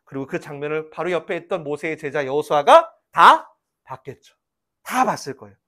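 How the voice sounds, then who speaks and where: A man's voice: on the high side, a little fast. A middle-aged man preaching a sermon as pastor, telling the story vividly and leading the congregation in repeating lines. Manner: lively storytelling, acting out voices in quotes; leads congregation in call-and-response reading.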